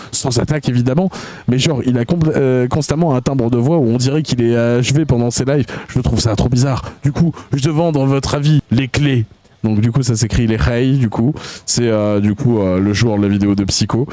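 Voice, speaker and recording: Dark, dry-voiced sarcastic streamer man. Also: medium pitch, no echo. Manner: crude, mocking and sarcastic, full of hesitations. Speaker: live streamer. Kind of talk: live stream, reading chat messages aloud.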